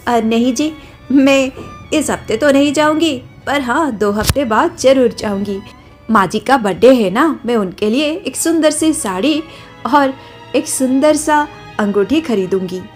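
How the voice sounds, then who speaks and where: A woman's voice: high voice, unhurried, faint music behind. A woman doing a sweet young daughter-in-law.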